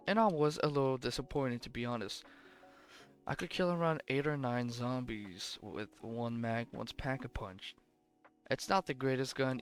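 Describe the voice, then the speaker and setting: This is a young man's medium-pitched, fairly bright voice as he offhandedly comments on game weapons he is ranking. He rambles and corrects himself, sounding a bit worn and sleepy after a long recording.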